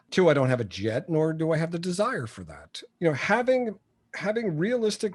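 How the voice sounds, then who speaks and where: A man's voice: mid-range voice, darkish tone. A man in his sixties, a guest entrepreneur and coach, talking bluntly and telling jokey stories in a casual interview. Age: 60s. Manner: blunt, joking storyteller.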